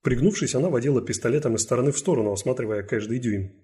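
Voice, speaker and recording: A man narrating an audiobook thriller in a steady, even storytelling manner. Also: medium pitch, rapid-fire. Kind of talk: scripted narration.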